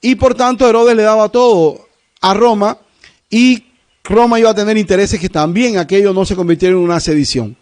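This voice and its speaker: A Cuban pastor preaching a sermon in an emphatic, rhetorical way, slowing and speeding up to stress points. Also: male voice, high voice, darkish tone. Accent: Cuban Spanish. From Cuba. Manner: emphatic, rhetorical, shifting pace.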